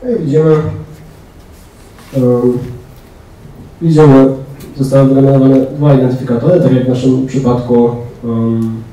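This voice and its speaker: A young man giving a technical talk in a large lecture room, pausing often with fillers. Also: mid-range voice, steady tone, warm tone. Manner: hesitant, many fillers. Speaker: conference speaker. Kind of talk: technical presentation. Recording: echoey hall, distant mic.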